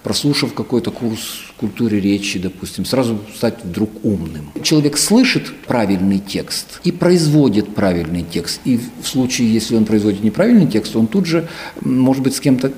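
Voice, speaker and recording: Lively-voiced man, lecturing calmly. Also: lowish voice. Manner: measured, lecturing, with hesitation fillers. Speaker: head of a university Russian language department. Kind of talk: interview answers.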